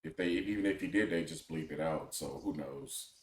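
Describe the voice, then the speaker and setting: A man's voice: a bass voice, moderate pace. A man co-hosting with casual, plain-spoken, colloquial commentary. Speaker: talk show co-host. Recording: roomy, echoing sound.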